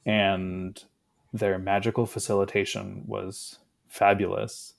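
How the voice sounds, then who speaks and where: Low, gravelly-voiced man talking reflectively. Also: level tone. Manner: reflective, unhurried, with fillers. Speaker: guest. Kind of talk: casual conversation.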